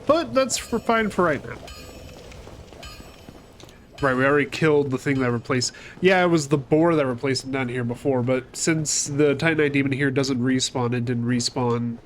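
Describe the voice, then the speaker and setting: Fighting a cold, a gaming channel host narrates his let's-play in a casual, chatty way, swearing now and then and talking to enemies on screen. His voice is medium-pitched and moderately paced, with a little hiss or hum behind it.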